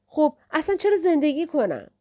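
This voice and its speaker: Woman narrator doing a young woman, distressed, insistent, pleading, higher voice. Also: huge pitch swings, dark tone. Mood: upset.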